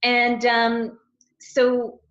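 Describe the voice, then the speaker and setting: A woman's voice: a little high, monotone, drawn-out words, fairly bright tone. A middle-aged woman, a guest coach, chatting casually in an interview, rambling and laughing often. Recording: roomy, dull lo-fi sound.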